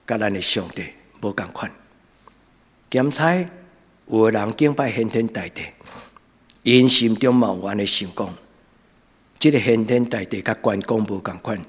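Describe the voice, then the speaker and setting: A man with a Taiwanese Hokkien accent preaching a church sermon as a pastor, in short, deliberate, emphatic phrases. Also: lowish voice, slightly rough. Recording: reverberant hall sound, long echo.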